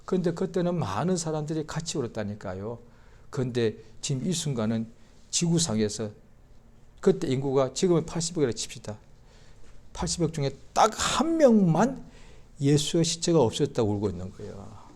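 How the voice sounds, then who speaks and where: A male pastor preaching a Sunday sermon, acting out the story in voices and swinging from quiet talk to loud outbursts. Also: fairly high pitch, big pitch swings, normal speed.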